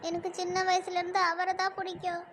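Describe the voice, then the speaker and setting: A woman's voice: very high voice, monotone, brisk, a little hiss or hum. A woman voicing a tearful young village daughter in a cartoon who pleads with her mother. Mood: pleading. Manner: pleading, whiny. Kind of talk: cartoon dub acting.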